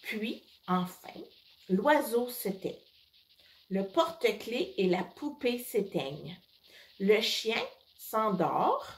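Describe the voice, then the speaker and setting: Lady reading a kids' storybook, slow and animated, roomy echo. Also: medium pitch. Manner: expressive, unhurried storytelling. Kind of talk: reading a children's story aloud. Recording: echoey room.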